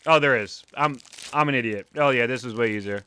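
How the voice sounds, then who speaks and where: An excitable young New Yorker streams about comic collecting, chatting casually and animatedly, like a cartoon character. His mid-range voice is clean in tone and runs a little fast.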